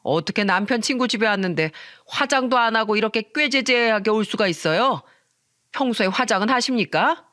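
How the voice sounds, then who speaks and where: A woman's voice: a little high, animated, brisk, a bit bright, no room sound, studio quality, voice pushed up. A woman voicing a rude, drunk man who mocks his friend's wife and then gets flustered. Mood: mocking drunk. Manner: slurred, mocking, laughing drunk.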